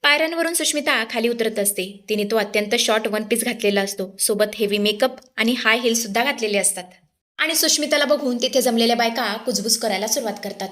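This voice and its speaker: A woman's voice: a little high, a little fast, a bit bright. A woman narrating a recap of a TV serial episode dramatically, addressing her audience. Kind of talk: storytelling recap.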